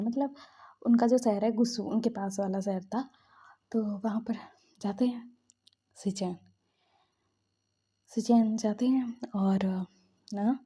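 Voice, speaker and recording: A woman narrating a fan story casually, in a soft, often half-whispered voice. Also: medium pitch, slightly rough. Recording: dull lo-fi recording.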